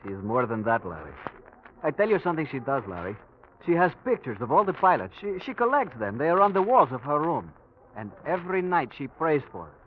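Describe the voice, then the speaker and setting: In a 1940s-style radio drama, a male actor with a Spanish accent plays a warm, emotional pilot who is a protective friend. His voice is on the high side and brisk, earnest in mood, with gentle, expressive, theatrical phrasing. The recording sounds tinny and hissy, like an old radio broadcast.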